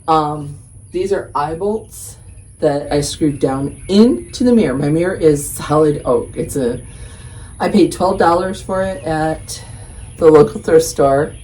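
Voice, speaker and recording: A woman's voice: low-pitched, dark tone, slight background noise. A woman from Georgia, chatting casually through a home decorating vlog, a little out of breath, recorded outdoors on a front porch with birds chirping. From southern Georgia, USA. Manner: chatty, friendly walkthrough with small laughs.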